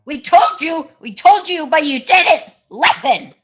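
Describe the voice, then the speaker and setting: Panto crowd callback: female actor as exasperated audience plant, high, urgent, shouting warnings in a comic play. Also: lively intonation, a little slow, faint music behind. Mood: frantic, exasperated. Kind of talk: pantomime-style school comedy play.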